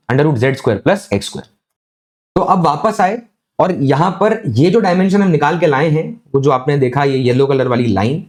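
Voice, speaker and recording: A man giving a physics lecture, explaining slowly and deliberately and often checking that students follow. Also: fairly high pitch, a little mellow. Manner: slow, deliberate explaining with frequent check-ins. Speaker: physics teacher.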